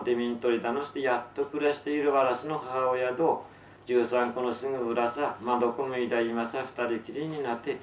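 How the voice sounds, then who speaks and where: A man with a Tsugaru dialect reads his own story aloud in a steady, unhurried storytelling cadence. His voice sits at an ordinary middle pitch and comes from a distance in a roomy space, with a faint ambient hum behind him. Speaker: author reading his own novel. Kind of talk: reading fiction aloud to an audience.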